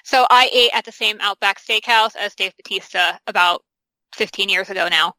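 A woman's voice: mid-range voice, moderate pace, bright, forceful tone, no echo, poor audio. A woman in her thirties chatting casually as a podcast co-host, rambling through stories with plenty of fillers. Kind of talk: casual chat about comic films.

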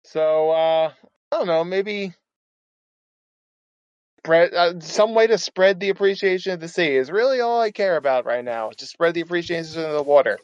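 A man's voice: on the high side, normal speed, dry recording, muffled recording. A man playing a tabletop game, improvising casually in character in a rambling, self-promoting way.

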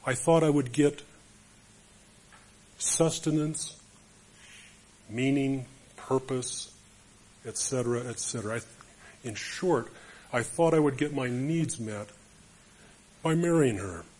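A man gives an emphatic sermon to men, weaving in stories. His voice is husky and mid-pitched. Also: slow, long pauses, a little mellow. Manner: emphatic, storytelling. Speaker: speaker to men.

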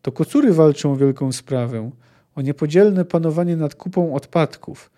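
A man reading the lines of a wounded, bitter male witcher from a novel in a flat, weary voice. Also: fairly high pitch, normal speed, lightly acted. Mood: scornful.

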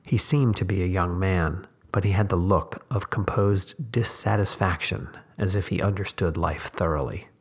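Male podcast host narrating a story, very low and gravelly, measured pace. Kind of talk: audiobook reading.

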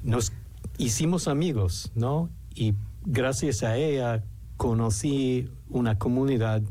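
Halting, mellow American man speaking accented Spanish. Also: mid-range voice. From New York City, United States. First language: English. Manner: halting, searching for words. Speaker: radio interview guest. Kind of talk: conversational interview in Spanish.

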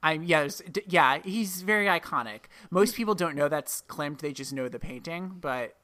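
A woman's voice: low voice, moderate pace, a bit bright. A woman hosting a podcast, telling a story in a rambling, self-correcting way. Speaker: podcast host. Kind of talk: casual podcast chat.

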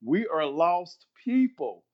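A man's voice: fairly high pitch, very animated, slow, muffled recording. A man in his fifties, a minister and podcast guest, talking earnestly and quoting scripture as he speaks. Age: 50s. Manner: earnest, repeats himself, quotes scripture. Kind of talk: podcast conversation, preaching-flavored.

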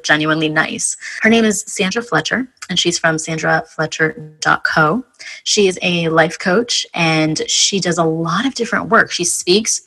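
A woman hosts a podcast in a lively, chatty interview style. Her voice is bright and forward, sitting a bit low in pitch, and she talks casually with lots of "like" fillers. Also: low-quality recording. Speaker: podcast host.

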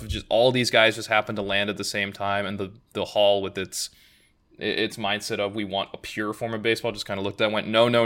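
A man's voice: fairly low pitch, a bit bright. A man co-hosting a casual podcast, talking in long, rambling thoughts with frequent self-corrections and wry asides. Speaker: podcast co-host. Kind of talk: casual chat.

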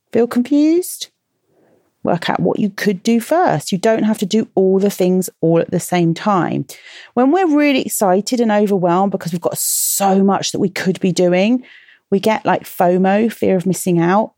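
A woman's voice: mid-range voice, mellow, no echo, studio quality. A woman with a British accent hosting a children's podcast, talking in a playful, chatty way and asking her young listeners questions. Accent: British English. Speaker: children's podcast host and author. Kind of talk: casual talk to children.

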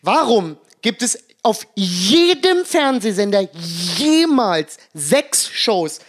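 A man's voice: high voice, very animated, slow, a bit bright. A man co-hosting a comedy podcast, mocking and insistent. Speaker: podcast co-host. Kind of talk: casual comedic chat.

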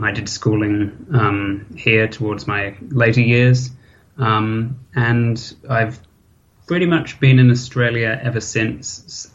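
A man in his thirties with a British accent, talking casually as an interview guest, often pausing with ums and restarting sentences. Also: fairly low pitch, dull audio. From Hong Kong. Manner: hesitant, many ums and restarts. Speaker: interview guest, forum member.

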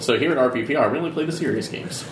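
A man playing a tabletop game, describing things casually in a halting, dryly jokey way. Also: medium pitch, background noise. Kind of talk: casual character introduction. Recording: roomy echo.

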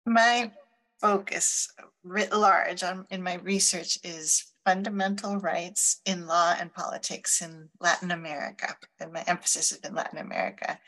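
A middle-aged woman from Chile, a law professor, answering interview questions thoughtfully, pausing to find her words. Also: on the low side, steady tone, sharp tone, low-quality recording.

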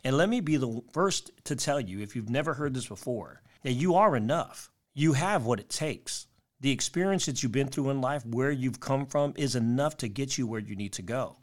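A man's voice: medium pitch, expressive, moderate pace. A man hosting a motivational podcast, speaking directly to the listener in an upbeat, encouraging way and laying out tidy advice.

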